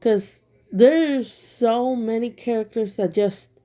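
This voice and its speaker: A woman who comments online speaks from home, bluntly critical and full of fillers, while a mild sickness still nags at her throat. Her voice is fairly high and warm, and she takes it slowly.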